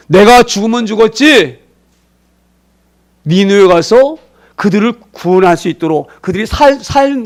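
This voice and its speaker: A man preaching a sermon as pastor, emphatic, asking the congregation rhetorical questions and acting out quoted voices with sharp swings in pitch and loudness. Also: vocal fry.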